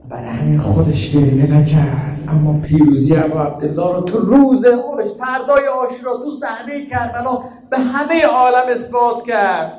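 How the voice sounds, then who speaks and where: A man preaching an emotional mourning sermon, moving from quiet storytelling to high chanted lament and prayer. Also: echoey room, muffled recording. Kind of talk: Shia mourning sermon with Arabic recitation and prayer.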